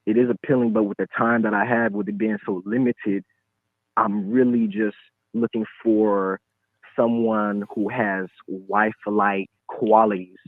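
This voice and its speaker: A man in his twenties from Michigan speaks as a caller to a live show, his voice heard over a phone line. His voice sits fairly low, and he talks in a hesitant, halting way full of fillers. The line sounds thin, tinny and dry. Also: flat delivery, no echo. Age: 20s. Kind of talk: casual call-in chat.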